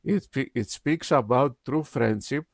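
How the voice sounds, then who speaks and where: In a dry, clean studio recording, a Greek-native man reads his written game review aloud at a slow, deliberate pace. He speaks emphatically with many pauses, in a medium-pitched voice carrying vocal fry.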